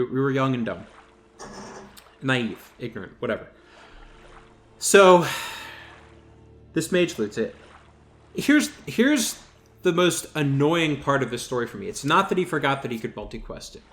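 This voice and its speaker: A man hosting a gaming channel, telling a story over gameplay in an animated, exasperated and self-mocking way. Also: mid-range voice.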